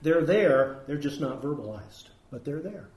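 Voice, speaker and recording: A man's voice: on the high side, lively intonation, unhurried, darkish tone. A man preaching a sermon as pastor, emphatic and putting rhetorical questions to his congregation. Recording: echoey room.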